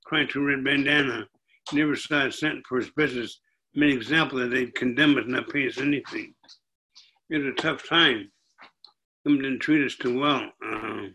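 An older man tells a story and reads his poetry aloud. His delivery is slow and deliberate, each line measured and set apart. His pitch sits in an ordinary middle range for a man. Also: pushed and bright, a little hiss or hum, poor audio. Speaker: storyteller and poet.

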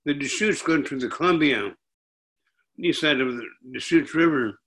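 An older man, a storyteller and poet, telling his story and then reading his poems in a slow, measured, deliberate way. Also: on the high side, a bit bright, poor audio.

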